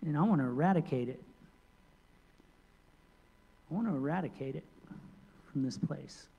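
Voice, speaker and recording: A middle-aged male pastor preaching a sermon into a handheld mic, moving between loud emphatic points and quiet asides. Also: a little high, fast, gravelly, breathy edge, dull audio. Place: large church sanctuary. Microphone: handheld microphone. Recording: long church reverb.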